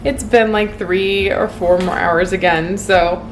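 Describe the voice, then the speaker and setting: A woman's voice: mid-range voice, steady tone, takes it slowly, rough recording. Woman chatting over noticeable background noise. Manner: informal, explanatory, loosely improvised. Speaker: vlog host showing home cooking. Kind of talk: casual cooking vlog chat to viewers. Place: home kitchen.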